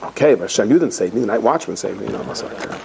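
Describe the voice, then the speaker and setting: A middle-aged man, a rabbi, giving an animated storytelling sermon with many Hebrew and Yiddish terms, acting out the people in his stories. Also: on the low side, very fast, vocal fry, slight background noise, rough recording.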